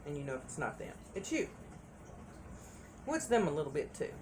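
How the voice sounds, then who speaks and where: A woman's voice: sits low, sing-song, brisk, darkish tone, slight background noise. A woman giving a casual tarot reading, chatty and repeating phrases for emphasis. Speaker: tarot reader.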